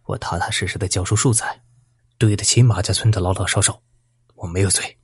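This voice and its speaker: A man doing a hushed, defiant old teacher. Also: sits low, fairly even intonation, brisk, husky, no echo, studio quality. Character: stubborn, proud old village schoolteacher, man.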